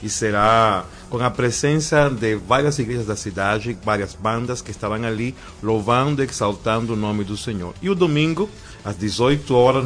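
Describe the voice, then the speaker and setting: A middle-aged Cuban man with a Cuban accent, a pastor speaking as a radio interview guest in a calm, measured way. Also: on the low side. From Cuba. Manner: calm, measured, repeats affirmations.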